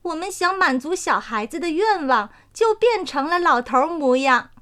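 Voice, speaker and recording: A woman's voice: high-pitched, expressive, normal speed, a bit bright, voice pushed up. A woman voicing a chirpy dandelion spirit. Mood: proud.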